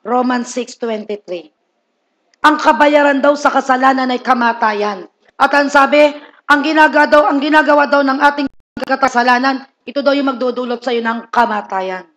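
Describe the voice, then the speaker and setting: High-voiced joking man preaching. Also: moderate pace. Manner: humorous, asks the crowd "Di ba?" often; lively, acts out people's lines. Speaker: pastor. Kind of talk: sermon.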